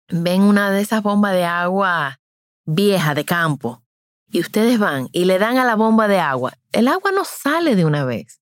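A middle-aged woman, giving an informal parenting talk as a breastfeeding educator, with animated, repetitive demonstrations. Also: medium pitch, dry recording, clean studio sound.

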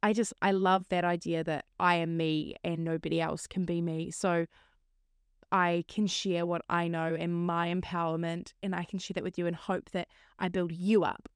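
A woman hosting a solo motivational podcast, talking in an earnest, encouraging way with a slightly croaky voice. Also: lowish voice, no echo, studio quality. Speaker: podcast host.

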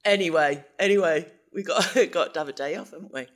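A woman's voice: deep voice, brisk. A woman co-hosting a podcast in casual chat, teasing her partner and laughing often. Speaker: podcast co-host.

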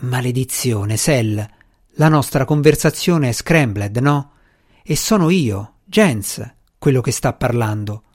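A man's voice: medium pitch, expressive, slow, a little mellow. A man voicing a frustrated, insistent male space official who speaks urgently and presses his point.

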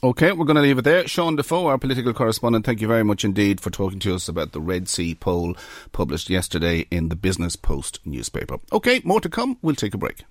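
An Irish man presenting a live current affairs programme, steering the talk with a brisk, prodding manner. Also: lowish voice. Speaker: radio presenter. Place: radio studio. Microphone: studio microphone.

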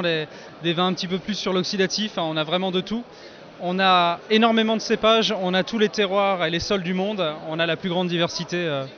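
A man with a notably high voice talks earnestly and enthusiastically in a festival interview. He is recorded outdoors, and the sound is muffled and lo-fi. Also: fairly bright tone. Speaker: cheese and charcuterie platter maker.

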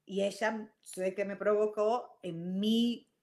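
Animated Rioplatense-accented woman telling a story. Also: medium pitch, takes it slowly. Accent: Rioplatense Spanish. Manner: animated, slips into English words. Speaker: show host. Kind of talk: casual storytelling monologue.

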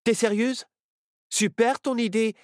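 A woman voicing an anxious, sharp-tongued young boy in a storybook, worried and snappy. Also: fairly high pitch, fairly even intonation, unhurried, no room sound, studio quality, close to an everyday voice.

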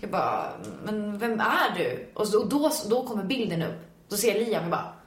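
A young woman guest chatting casually and telling stories with a giggly, animated manner, acting out her own reactions. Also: mid-range voice. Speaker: guest, video maker. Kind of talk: casual chat. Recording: roomy echo.

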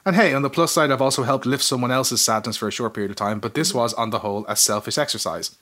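A man's voice: mid-range voice, quick pace, bright, forceful tone. A man co-hosting a casual chat, reading out his essay with earnest, self-mocking energy. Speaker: podcast co-host.

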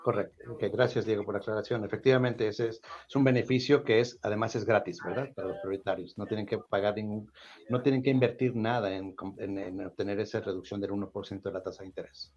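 This podcast host is a man from Mexico whose fairly low, even voice moves quickly and sounds a bit mellow over dull audio. Speaking with a Mexican Spanish accent, he explains casually, repeats himself, and keeps adding "¿verdad?".

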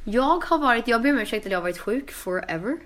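A woman's voice: a little high, animated, a bit bright. A young woman co-hosts a casual podcast chat. She tells her stories with animation, dropping English phrases and the odd swear word along the way. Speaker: podcast co-host.

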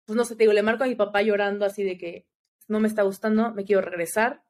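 A woman's voice: mid-range voice, steady tone, fast talker. A young Mexican woman with a Mexican accent, chatting casually as a podcast guest and dropping "¿sabes?" often. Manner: chatty, frequent "¿sabes?" fillers. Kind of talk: casual interview chat.

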